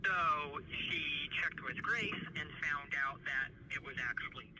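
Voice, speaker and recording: A man calling from prison, speaking in a halting, hesitant way over a prison phone line. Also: on the high side, animated. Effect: heard over a prison phone line. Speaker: caller from prison. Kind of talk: phone call. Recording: loud noisy phone line.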